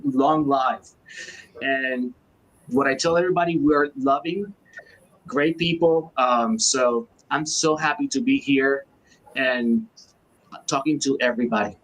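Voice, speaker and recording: A man's voice: on the high side, fairly bright tone, poor audio. A man, speaking earnestly as a guest on a video call panel. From Puerto Rico. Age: 40s. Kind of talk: casual panel talk.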